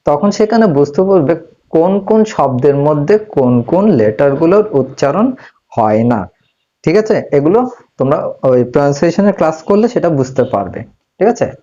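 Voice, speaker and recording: A male English teacher giving a classroom-style grammar lesson, explaining slowly and asking and answering his own questions, in a room with a whiteboard. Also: fairly high pitch, big pitch swings, mellow, muffled recording.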